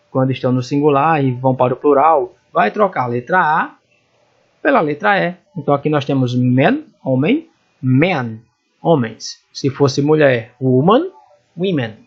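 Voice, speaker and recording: A male English teacher whose first language is Portuguese explains grammar rules step by step. His voice sits fairly high and has a husky edge. He spells the English examples out letter by letter, and the recording sounds dull and lo-fi. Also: lively intonation, moderate pace. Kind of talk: grammar lesson walkthrough.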